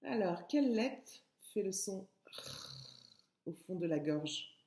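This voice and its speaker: A woman with a French accent teaches young children, slowly and patiently breaking words into sounds and syllables. Her voice is mellow and soft, and the room adds a clear echo. She speaks at an unhurried pace. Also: mid-range voice, expressive. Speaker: kindergarten teacher. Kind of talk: remote writing lesson for young children.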